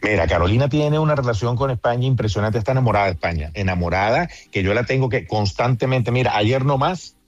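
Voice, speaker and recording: A man's voice: medium pitch, lively intonation, fast talker, few pauses, no echo, dull audio, soft background music. A man, a TV producer, talking earnestly in a casual interview. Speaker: TV producer and guest.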